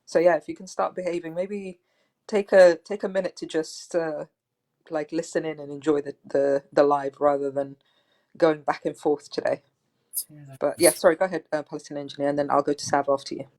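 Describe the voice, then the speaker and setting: A woman's voice: sits low, little pitch movement, a little fast, darkish tone. A woman moderating a live online chat, politely but firmly asking the chat to behave and bringing in callers. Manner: polite but firm, many "um"s. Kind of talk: casual live-stream moderating.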